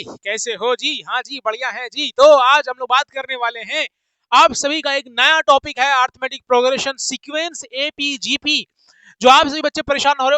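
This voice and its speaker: High-pitched jokey man teaching maths. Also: clear, resonant tone, dry recording, low-quality recording. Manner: jokey, teasing, sing-song, switches between loud and soft. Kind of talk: playful online maths lesson.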